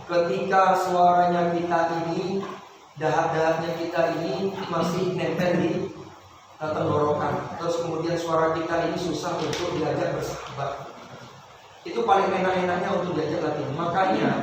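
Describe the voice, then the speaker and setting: Tired Javanese man teaching Quran chanting. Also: a little high. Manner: explains then chants verses slowly in melodic tones. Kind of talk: Quran recitation lesson with chanted examples. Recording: echoey hall, distant mic, noisy.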